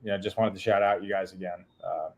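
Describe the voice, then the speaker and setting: A man's voice: low voice, steady tone, fairly quick, lo-fi sound. A man hosting a casual podcast, upbeat as he reads out live comments and thanks listeners. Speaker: podcast host.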